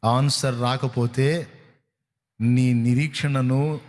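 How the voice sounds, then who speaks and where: A man's voice: medium pitch, steady tone, slow pace, darkish tone, in a large hall. A male pastor preaching a sermon, scolding his listeners and acting out callers and congregants.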